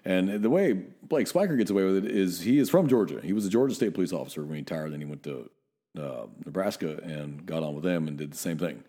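A man's voice: low voice, lively intonation, quick pace, dark tone. A middle-aged man from Northern California, a police officer co-hosting a podcast, telling blunt, profane stories in casual chat.

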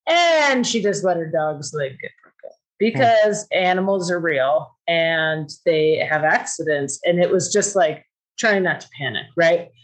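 A woman's voice: lowish voice, expressive, measured pace, low-quality recording. A middle-aged woman telling a personal story in a casual, chatty way, filling her talk with "like" and "you know" and acting out quoted lines. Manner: acts out quoted dialogue in a raised voice.

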